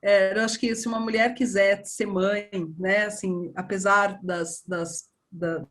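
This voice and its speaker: A woman surgeon, talking in a relaxed interview and acting out past conversations as she tells them. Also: mid-range voice, a little slow. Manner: animated storytelling, acts out dialogue. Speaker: breast surgeon guest.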